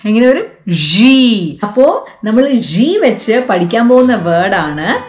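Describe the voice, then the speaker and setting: A woman's voice: fairly high pitch, very animated, slow pace, a little mellow, faint music behind. A woman with a Malayali accent hosting a casual lesson for children, chatty and coaxing, asking the viewer questions. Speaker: vlog host teaching French to kids.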